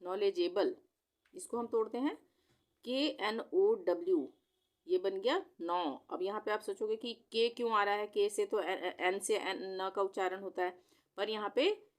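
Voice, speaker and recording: A woman teaching a spelling lesson, sounding out each word in careful pieces. She speaks slowly and patiently, at a middle pitch for a woman, breaking syllables apart before joining them again. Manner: slow, patient, spells letters one by one.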